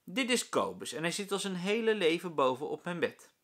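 A man voicing a fussy but kind male schoolteacher in a storybook, loud and animated. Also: sits high, a little fast, pitched above the performer's own voice, exaggerated voice. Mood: teacherly.

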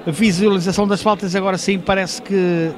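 A man's voice: high-pitched, steady tone, fairly quick. A man giving live play-by-play futsal commentary, hesitant and often correcting himself as he thinks aloud. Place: indoor sports hall during a match. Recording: noisy sports hall with bouncing balls. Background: gym noise, ball bounces.

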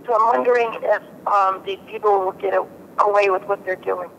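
A woman calling in to a radio show over the phone, speaking haltingly and sounding stressed. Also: mid-range voice, steady tone, creaky, a bit bright, long reverb tail, a little hiss or hum. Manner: hesitant, halting, many fillers. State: stressed, going through a hard time. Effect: heard over a phone line on a call-in show.

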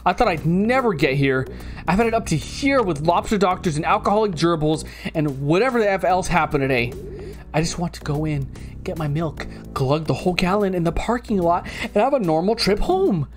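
Woman, game narration, sarcastic, low voice. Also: expressive, brisk, faint music behind. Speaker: game streamer.

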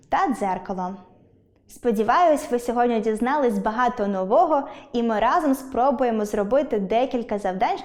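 A woman teaching a scripted online lesson, pronouncing sounds one at a time in a clear, careful way. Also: on the high side, a little mellow.

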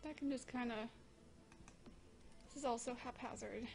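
A woman with the hiccups, chatting excitedly and giggling as she plays a game at her desk microphone. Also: a little high, normal speed, gravelly, soft background music. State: has the hiccups. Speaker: gaming channel host. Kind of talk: casual let's-play commentary. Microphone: desk microphone, leaning in close.

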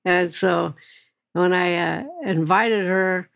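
A woman's voice: fairly low pitch, fairly even intonation, slow, vocal fry, no echo, clean studio sound. A woman hosting a podcast, speaking earnestly to her audience. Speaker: podcast host. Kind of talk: podcast interview.

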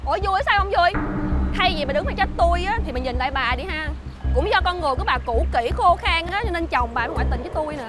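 A woman's voice: very high-pitched, expressive. A woman playing a brazen young mistress who taunts the wife smugly. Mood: taunting. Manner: taunting, smug, drawn-out sentence tags. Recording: music bed behind.

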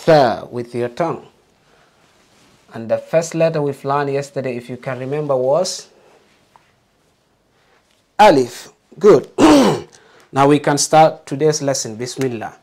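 A man's voice: mid-range voice, expressive, normal speed, a little mellow. A man teaching a beginner alphabet lesson, patiently modeling letter sounds and encouraging learners to repeat.

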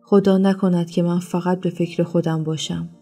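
A kind, selfless enslaved man answers in a calm, gentle voice, as a woman reads him. The tone is dark and mellow over faint instrumental music. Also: fairly low pitch, breathy edge.

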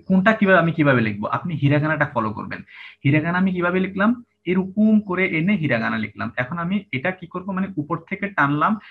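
A man's voice: a little high, breathy edge. A man teaching Japanese writing step by step, spelling out each syllable and counting the strokes aloud. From Bangladesh. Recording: dull lo-fi recording with faint hum.

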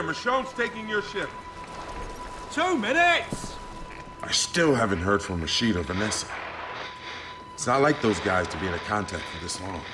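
A male actor with a lowish voice plays an earnest, worried American boat captain in a dramatic video game about surviving an apocalypse. He talks insistently.

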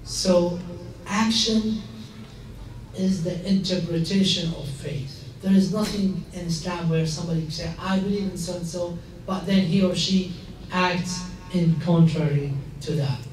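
A man, an imam giving a measured, emphatic talk to a mixed audience at a stand mic. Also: high-pitched, steady tone, a little hiss or hum. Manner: measured, emphatic, gesturing while speaking. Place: large hall indoors. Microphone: stand mic at a lectern. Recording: echoey hall, from a distance.

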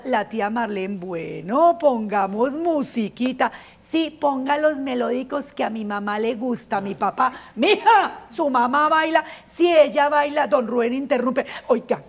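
A woman's voice: high-pitched, a little hiss or hum. A woman acting out an outspoken little girl in a comic stage monologue, switching among the voices of her family. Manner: blurts embarrassing remarks, switches between family voices. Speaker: stage actress.

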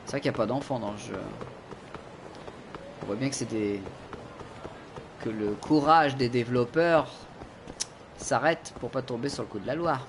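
A man's voice: mid-range voice, normal speed, long pauses. Male streamer, let's-play commentary, sarcastic, rambling, studio mic, faint room noise. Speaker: gaming streamer. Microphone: studio condenser mic.

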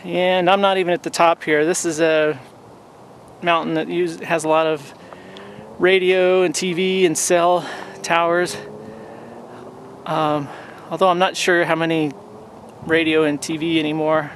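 A hiking vlogger in his forties films himself at arm's length atop a desert mountain, with a voice a little high for a man. He rambles in a relaxed, casual way at a measured pace, saying um often, while faint outdoor noise sits in the background.

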